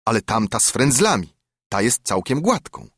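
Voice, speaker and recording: A man voicing a quarrelsome nobleman who argues over small details, husky. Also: medium pitch, big pitch swings, normal speed, fairly bright tone, no echo, clean studio sound, full character voice. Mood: argumentative.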